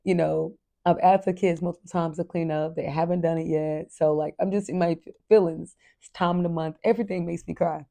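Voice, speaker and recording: A woman hosting her own parenting podcast, speaking in an earnest, candid monologue aimed right at her listeners. Her voice sits on the low side with a gravelly edge and a mellow, dark tone. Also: fairly even intonation, brisk, few pauses. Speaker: podcast host.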